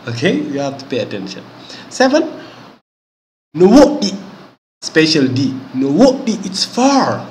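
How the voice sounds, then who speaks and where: A man teaching a language lesson, saying each word slowly, repeating it and often checking in with "okay?". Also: a little high, a little hiss or hum. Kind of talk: vocabulary lesson. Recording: echoey room with faint ambience.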